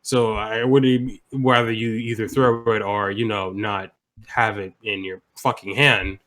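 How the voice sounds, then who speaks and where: A man's voice: lowish voice, little pitch movement, a little slow, a bit bright. A man narrating as game master of a tabletop game, casual and swearing freely. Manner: casual, swearing, laughing, with fillers.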